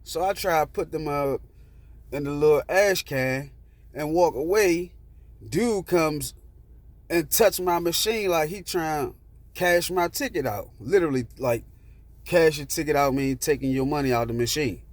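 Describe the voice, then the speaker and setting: A man's voice: on the high side, unhurried, no room sound. A man telling a rambling personal story in casual street slang with plenty of swearing, sitting in a parked car.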